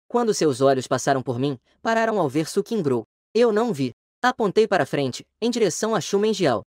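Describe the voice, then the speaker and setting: Male narrator for a romance comic recap, animated delivery, dry close recording. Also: on the high side, no room sound. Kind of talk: scripted story narration.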